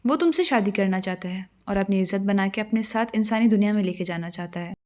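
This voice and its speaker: Woman telling a story as a gentle male fairy. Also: mid-range voice, lightly acted. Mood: gentle, respectful. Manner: soothing, respectful. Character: loyal male fairy brother, calm and gentle.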